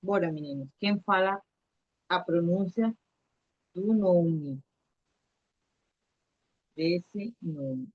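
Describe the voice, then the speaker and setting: Patient woman teaching children, slow and dry. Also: fairly low pitch, dry recording, phone-quality sound. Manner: patient, repeats words, coaxes the children to answer. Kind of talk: live online Spanish lesson for children.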